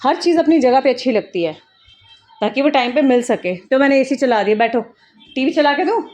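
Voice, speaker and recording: A woman's voice: high voice, expressive, a little fast, a little mellow, soft background music. A woman mother vlogging at home, talking to camera in an emphatic, lecturing way and scolding her child now and then. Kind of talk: casual vlog talking to camera. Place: indoors at home.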